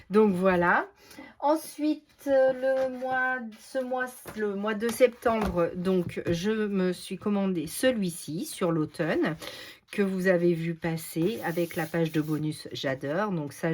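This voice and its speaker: A woman's voice: fairly low pitch, slight background noise. A middle-aged woman chatting casually as she shows craft books, hesitating often with fillers. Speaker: craft vlogger. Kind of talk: casual unboxing chat.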